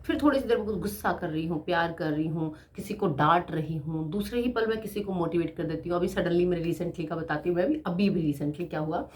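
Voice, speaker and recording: Chatty, animated woman teacher. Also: lowish voice. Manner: chatty, animated, laughs often. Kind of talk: casual motivational talk.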